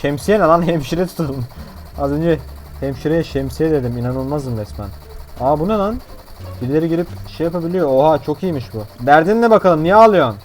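Fast-talking, excitable man, gaming commentary, a touch high-pitched. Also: a little hiss or hum. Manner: excitable, brash, jokey. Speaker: gaming YouTuber. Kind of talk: gameplay commentary.

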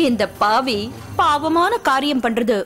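A woman's voice: high voice, lively intonation, very slow, a bit bright, faint music behind, heavily acted. A woman dubbing a scheming brothel madam in a film, speaking in a sly, taunting way over a film score. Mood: mocking.

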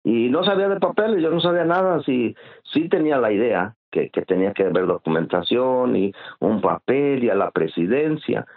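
A man, a guest telling his own story in an interview, halting and often repeating words as he goes. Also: medium pitch, animated. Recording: tinny phone-like line.

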